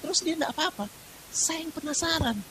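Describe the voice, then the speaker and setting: A man preaching a sermon, telling stories with lively shifts. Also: very high-pitched, background noise. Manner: lively storytelling, sings worship lines slowly. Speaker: pastor.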